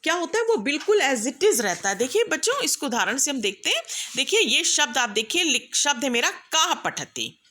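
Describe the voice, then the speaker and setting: A woman's voice: sits high, sing-song, moderate pace, pushed and bright. A middle-aged woman teaching a class, explaining patiently and often checking that her students follow. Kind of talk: classroom lecture.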